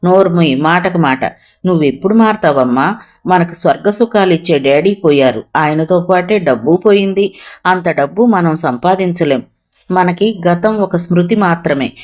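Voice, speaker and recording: A narrator voicing an earnest young woman, a dutiful daughter who speaks calmly and reasons gently but firmly. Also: mid-range voice, normal speed, natural voice.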